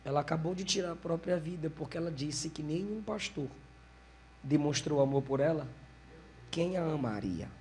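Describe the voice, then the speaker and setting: A man's voice: on the high side, expressive, moderate pace, a little hiss or hum. A man voicing a grieving woman who speaks in tears. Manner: tearful, quiet.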